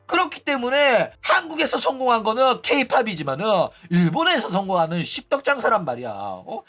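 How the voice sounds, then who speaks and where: Male commentator, high voice, animated pitch, mocking tone, rhetorical questions. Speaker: host of a VTuber news channel. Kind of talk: opinionated commentary.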